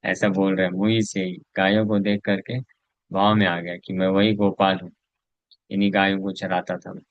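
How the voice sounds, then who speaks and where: Low-voiced man telling scripture stories. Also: little pitch movement, moderate pace, dry recording, muffled recording. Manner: vivid storytelling with recited verses and acted quotes. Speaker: preacher. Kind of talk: scripture story sermon.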